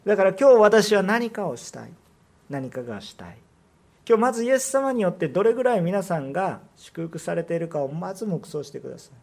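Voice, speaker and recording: A man preaching a sermon as pastor, his voice sitting a little high for a man. He presses his points with rhetorical questions and pushes his emphasis upward when a line matters. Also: sing-song, brisk, gravelly, darkish tone.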